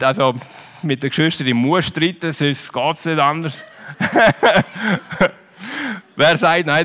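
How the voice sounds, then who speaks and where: A man giving a children's sermon. He tells stories lively and keeps asking his listeners questions. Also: high-pitched. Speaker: preacher.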